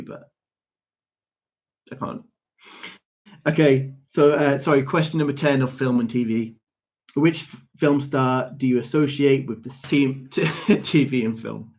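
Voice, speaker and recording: Slow, chuckling quiz host. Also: male voice, medium pitch. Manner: slow, repeats and spells out questions, chuckles and self-corrects. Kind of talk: hosting an online pub quiz. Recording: dull lo-fi stream audio.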